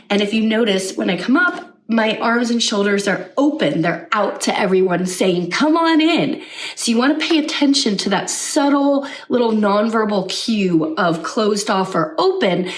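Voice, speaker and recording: A woman coaching on social skills in an energetic, conversational way, often checking in with the listener. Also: mid-range voice, distant mic. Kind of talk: teaching to camera.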